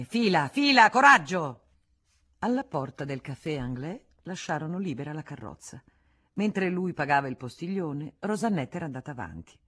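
A woman reading a classic novel aloud in a measured, expressive way. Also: deep voice. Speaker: audiobook reader. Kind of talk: literary audiobook narration.

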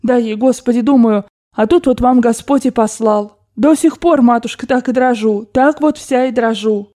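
Storybook part: woman reader as an excitable elderly maid, breathless chatter, high and soft-toned. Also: natural voice. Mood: gushing. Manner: rapid chatter, excited and gushing. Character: chattering devout old maidservant, breathless and fussy. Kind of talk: audiobook character voice.

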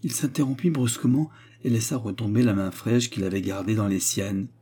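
A man calmly narrating a novel as an audiobook reader. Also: fairly low pitch, a little fast, husky. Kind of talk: scripted narration.

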